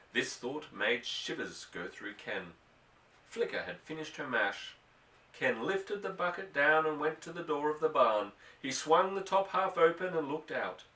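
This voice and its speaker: In a roomy space well away from the mic, a man with a mid-range, slightly bright voice reads a novel aloud, giving the scripted narration dramatic emphasis as an audiobook reader.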